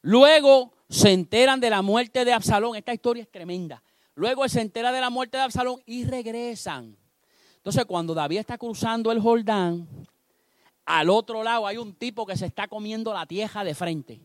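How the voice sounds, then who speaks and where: A man preaching a sermon, telling a story with animated delivery and acting out the characters. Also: sits high, moderate pace, no room sound, studio quality.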